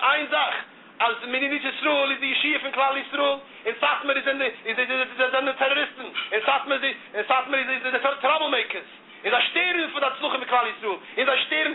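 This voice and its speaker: A man giving an impassioned monologue who repeats himself and stammers as he gets heated. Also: extremely high pitch. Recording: tinny phone-like audio with faint noise.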